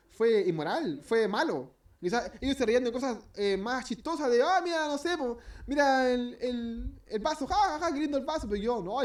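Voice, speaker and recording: A man's voice: high-pitched, a little mellow, recorded from a distance. A man with a Chilean accent preaching an informal sermon in a church, rambling and hesitant with many restarts, and joking as he acts out little scenes. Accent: Chilean Spanish.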